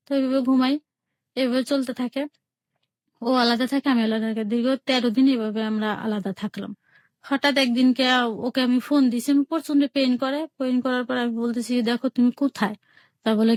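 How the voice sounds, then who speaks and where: A woman's voice: fairly high pitch, darkish tone, dry recording. A woman from Bangladesh telling her own life story on a radio call-in show, plainly and with many repetitions, acting out every exchange in quotes. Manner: plain spoken, repeats herself, retells each exchange in quotes.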